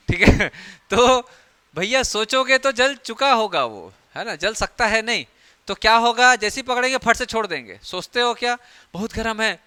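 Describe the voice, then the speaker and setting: A man's voice: high voice, pushed and bright, clear, resonant tone, no echo. A young man teaching biology in a chatty, joking classroom lecture, acting out everyday scenes.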